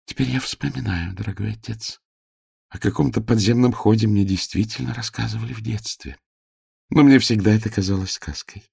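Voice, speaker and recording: A haughty noble lady, voiced by a male reader, mannered and polite, a little fearful. Her voice sits higher than the reader's own and has some gravel in it, recorded dry and close. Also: fairly quick, a little mellow, no room sound, exaggerated voice. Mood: genteel.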